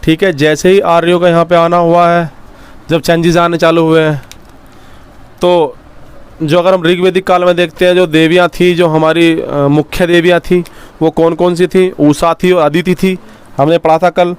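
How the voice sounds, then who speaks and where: A male teacher giving a dictation-style history lecture, slowly repeating phrases so students can write them down and addressing them warmly as children. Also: a little high, level tone, clean tone.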